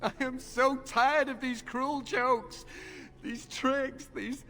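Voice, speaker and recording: An actor playing an exhausted, tormented young captive soldier in a video game, defiant and ashamed, with anguished groans and dramatic sighs. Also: male voice, extremely high pitch, steady tone, slow, pushed and bright, full character voice. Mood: tormented, bitter. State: exhausted, suffering. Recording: long cavernous reverb, game music behind.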